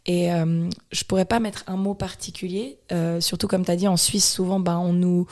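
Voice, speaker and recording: A young Swiss woman with a Swiss French accent, a dancer chatting as a podcast guest, telling her story with animated restarts. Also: fairly low pitch, normal speed. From Switzerland. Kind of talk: casual interview chat.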